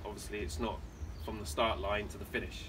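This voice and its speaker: A man's voice: on the low side, flat delivery, brisk. A man from Wales, a professional BMX rider talking casually in a podcast interview, rambling with many fillers and restarts. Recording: distant mic with clear background noise.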